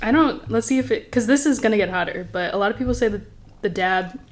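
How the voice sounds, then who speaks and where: A woman's voice: mid-range voice, fast. A young woman hosting a vlog, chatting casually and laughing often while tasting hot sauce, cursing freely. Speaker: vlog host.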